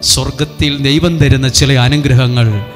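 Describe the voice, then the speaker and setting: A priest leading a revival sermon, coaxing the crowd with repeated call-and-response lines. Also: male voice, mid-range voice, steady tone, a little slow, big-room sound, faint music behind. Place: retreat centre hall.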